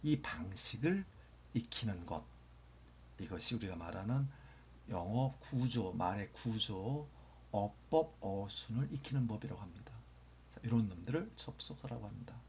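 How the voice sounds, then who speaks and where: Gravelly-voiced male English teacher. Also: fairly low pitch, expressive, a little hiss or hum. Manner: patient, repeats phrases slowly, drops to near-whisper for examples. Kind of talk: explaining grammar in a lecture.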